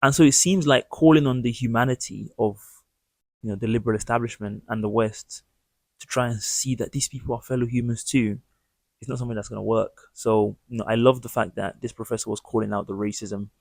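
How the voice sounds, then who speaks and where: A man's voice: medium pitch, fairly even intonation, brisk, gravelly, no room sound. A man hosting his own channel, giving emphatic, indignant commentary on news clips in long run-on sentences. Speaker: political commentary host.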